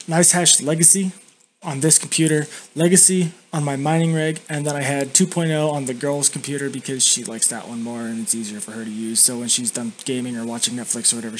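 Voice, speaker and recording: Man, young adult, casual blunt reviewer, dip-packed lip, faint background noise. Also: medium pitch. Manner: talks with a lip full of dip; blunt, casual, frequently swearing. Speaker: YouTube reviewer. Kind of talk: casual screen-recorded software review. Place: indoors at a home computer.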